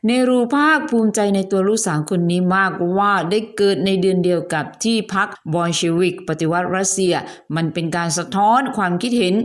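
A woman host narrating a history story in a chatty, polite way, adding asides and courteous particles. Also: medium pitch.

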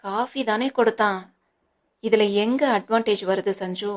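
A woman reading the part of a calm, firm young husband in a storybook, speaking in a measured way. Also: mid-range voice, natural voice.

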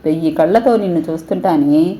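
A woman's voice: on the low side, brisk, mellow, lightly acted. A woman voicing a domineering, suspicious older mother-in-law who scolds and threatens harshly. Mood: threatening.

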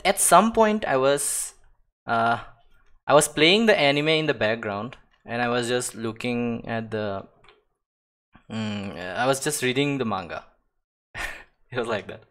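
A man's voice: medium pitch, measured pace, pauses often. A man casually chatting on a live stream as he paints, rambling, laughing and trailing off into mumbles. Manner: rambling, self-interrupting, laughs and swears often; drifts into quiet mumbling to himself while working. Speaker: digital artist streaming.

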